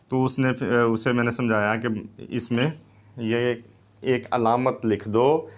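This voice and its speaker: A man lectures in an unhurried, measured way. His pitch sits in an ordinary middle range for a man. He lays out each point with care, like a teacher at a board. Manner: slow, deliberate explaining with anecdotes. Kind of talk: recorded lecture.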